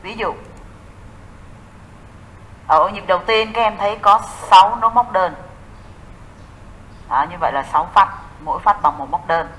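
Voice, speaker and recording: A woman's voice: medium pitch, moderate pace, pauses often, fairly bright tone, rough recording. A woman teaching a recorded music theory lesson, explaining step by step and answering her own questions to the class.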